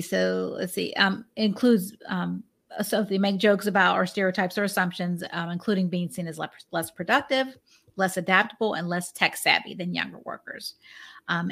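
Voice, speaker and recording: A woman's voice: medium pitch, vocal fry, fairly bright tone. A woman in her forties co-hosting a casual podcast chat, reading from notes and rambling into anecdotes with many restarts. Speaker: podcast co-host.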